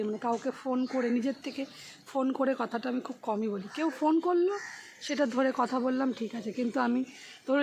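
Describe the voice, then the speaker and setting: A woman in her forties chatting casually in her garden for a vlog, rambling and quick, her voice slightly hoarse. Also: fairly high pitch, a little mellow, a little hiss or hum. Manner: chatty, rambling, talks fast. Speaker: vlogger. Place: outdoors in a home garden.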